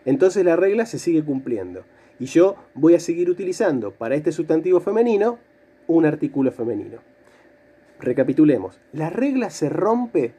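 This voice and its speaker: A male teacher walks through a grammar lesson, asking questions and answering them himself. His voice sits fairly high and swings widely in pitch. The tone is mellow and warm, and he drags out syllables to stress them. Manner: patient, repeats key words and stretches syllables to stress them.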